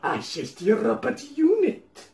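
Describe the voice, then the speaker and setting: Villain showman, voiced by a performer, gloating, theatrical, unhurried, recorded far off in a roomy space. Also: mid-range voice, huge pitch swings, full character voice. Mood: scheming. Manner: gloating, theatrical, wildly swooping delivery. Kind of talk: fan audio drama acting. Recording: roomy, distant home mic.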